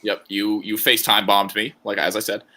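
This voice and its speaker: A man's voice: fairly low pitch, little pitch movement, brisk, pushed and bright. A man co-hosting a podcast in casual banter, joking and rambling with frequent laughs. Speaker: podcast co-host.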